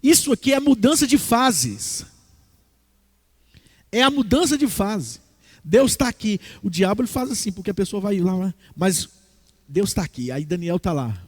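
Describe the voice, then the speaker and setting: Animated husky-voiced preaching pastor. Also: male voice, high-pitched, normal speed. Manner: animated preaching, acting out voices of God and the devil. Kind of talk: sermon. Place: church.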